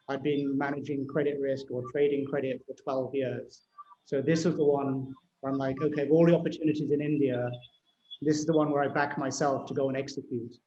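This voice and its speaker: A middle-aged man who grew up in the UK, hosting a fintech panel discussion and telling his story in an animated, conversational way. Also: mid-range voice, reverberant, muffled recording. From United Kingdom. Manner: animated, storytelling, frequent "you know" and "right?". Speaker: fintech CEO interviewing a guest.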